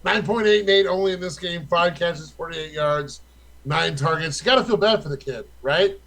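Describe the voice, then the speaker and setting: A man's voice: a little high, normal speed, a bit bright, rough recording. A young man co-hosting a casual fantasy football chat, rattling off stats in a loose, profane way.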